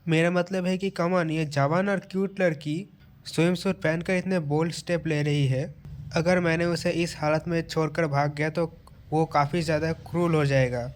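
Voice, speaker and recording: A man's voice: on the high side, fairly even intonation, moderate pace, lightly acted. A man voicing a panicked, flustered young man's inner thoughts, read in a near-everyday voice.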